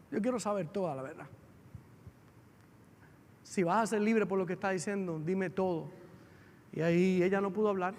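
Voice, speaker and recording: Emotional pastor, high voice in a hall. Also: male voice, darkish tone. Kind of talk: sermon testimony. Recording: long hall reverb.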